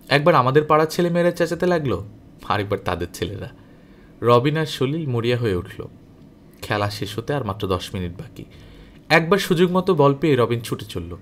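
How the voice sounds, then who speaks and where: This is a male audiobook narrator with a mid-range voice, performing a novel in a vivid, theatrical storytelling style.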